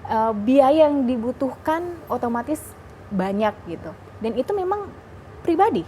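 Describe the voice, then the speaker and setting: Chatty woman TV host, slightly high voice. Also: lively intonation, measured pace, mellow, a little hiss or hum. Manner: chatty, laughs often, asks long looping questions with fillers. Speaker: TV talk show host. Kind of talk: studio interview.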